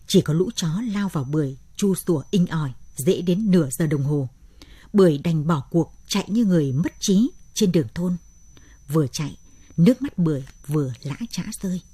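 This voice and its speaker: Brief: measured woman narrator for a late-night story, low-pitched and breathy. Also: animated, mellow, no room sound.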